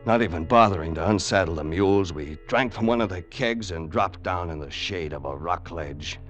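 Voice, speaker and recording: This old-time radio drama, recorded with music, features an actor voicing a tough crook who wisecracks through first-person narration. His low, a bit bright voice keeps a moderate pace, sounding weary, tense, colloquial and hard-boiled in 1940s-50s fashion.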